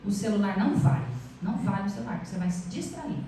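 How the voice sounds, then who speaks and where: A woman's voice: medium pitch, expressive, quick pace, dark tone, a little hiss or hum. A middle-aged Brazilian woman giving a spiritual lecture in a chatty way, often asking the audience questions. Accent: Brazilian Portuguese. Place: lecture hall of a spiritist center. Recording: echoey hall, mic far off.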